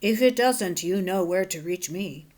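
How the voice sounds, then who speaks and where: A woman's voice: fairly low pitch, expressive, measured pace, a little mellow. A woman doing an exclaiming storybook doctor. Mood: reassuring. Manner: exclaiming, rattling off lists. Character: bustling puzzled male country doctor.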